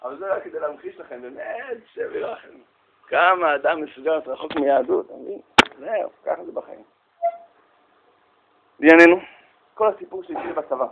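A man giving a humorous storytelling talk, animated and jokey, speaking straight to his listeners. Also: a little high, gravelly, long pauses, slight background noise. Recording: tinny phone-like sound.

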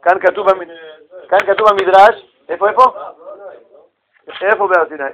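A man with a high, bright speaking voice leads a religious text class. He peppers the room with rhetorical questions and snaps out the answers himself, swinging his delivery up and down to drive each point home. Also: dull audio. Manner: animated, questions the class and answers in quick bursts. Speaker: rabbi teaching a Torah class. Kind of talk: lively lecture with rhetorical questions.

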